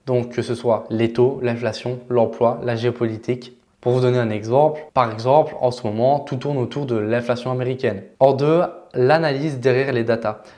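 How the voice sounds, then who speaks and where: Homme francophone, formateur en trading, ton décontracté. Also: male voice, medium pitch, normal speed, hardly any pauses. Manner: relaxed, chatty explaining with filler words. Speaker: trading educator. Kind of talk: casual explanatory lesson.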